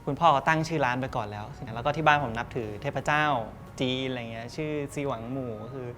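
A man's voice: medium pitch, fast talker, sharp tone, slight background noise. A young man, a tea cafe co-owner, chatting in an interview and explaining things step by step in a loose, easygoing way. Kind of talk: casual interview.

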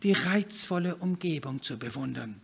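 A man's voice: a little high, lively intonation, normal speed, vocal fry, breathy edge, pitched above the performer's own voice, exaggerated voice. A man voicing a lame, cautious duck on a walking stick, with a raised, fussy, prim voice and a pedantic, long-winded manner in a read-aloud storybook.

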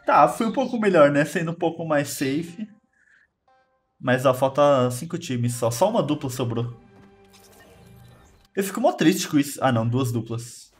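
A man with a Brazilian Portuguese accent, hosting a gaming video and commentating his matches casually, quick to exclaim and laugh at his own plays. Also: fairly high pitch, animated, soft background music.

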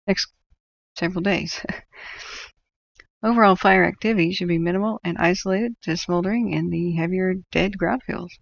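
A woman with an American accent hosts a livestream tracking wildfires, reading updates informally and chattily while correcting herself and tossing in small reactions and side comments. Her voice is fairly low with vocal fry, at normal speed with frequent pauses, and the highs are cut off.

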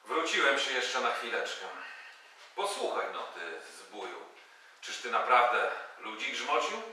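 A man's voice: mid-range voice, sing-song, measured pace, sharp tone, a little hiss or hum, heavily acted. A man voicing a hot-tempered, cocky male soldier who scolds, hurls insults and sings, in a stage reading of a play. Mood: scolding. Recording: echoey hall from far off.

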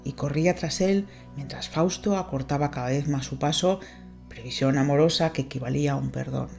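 A woman narrating an audiobook, reading a novel in a measured, expressive way. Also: a bass voice, vocal fry, soft background music.

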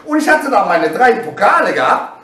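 A middle-aged man tells stories casually and with animation. He tags nearly every phrase with "ne?" and bursts into shouted exclamations. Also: high-pitched, big pitch swings, moderate pace, distant mic. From Germany. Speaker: bodybuilder telling his past. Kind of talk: casual storytelling. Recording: echoey room, voice away from the mic.

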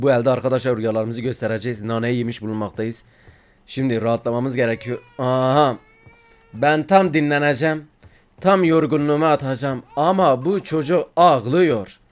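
A man giving casual gameplay commentary, joking, talking to the game's baby and yelping when startled. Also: mid-range voice. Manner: jokey, talks to the game baby, yelps when startled. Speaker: gaming YouTuber.

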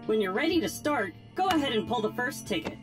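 A chirpy, cheerful robot greets the player in an upbeat, welcoming way. The voice sits a bit high and swings lively up and down. Game music plays clearly behind it. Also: female voice, fairly quick. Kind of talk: video game character dialogue.

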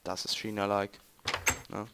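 A man's voice: lowish voice, monotone, unhurried. A young man with a German accent, chatting and joking to viewers while playing a game. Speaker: let's play gamer. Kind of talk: casual gameplay commentary. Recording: noisy home recording.

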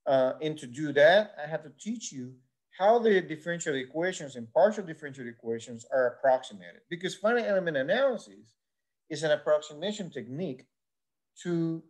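A Puerto Rican engineering lecturer, male and a native Spanish speaker, teaches a recorded university course in a slightly high, expressive voice with a darkish tone. His delivery is measured and explanatory, peppered with "uh."

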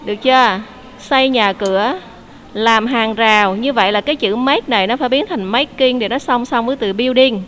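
A woman teacher leads an online English lesson. Her voice sits a little high, and she explains each answer patiently, checking with questions. A faint hum of the room sits under her speech. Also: moderate pace, a bit bright.

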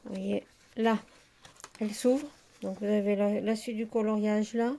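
A middle-aged woman hosting a casual crafting video, chatty and unhurried with many fillers as she shows her handmade work. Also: mid-range voice, fairly even intonation, creaky, mellow. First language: French. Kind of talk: casual crafting show-and-tell.

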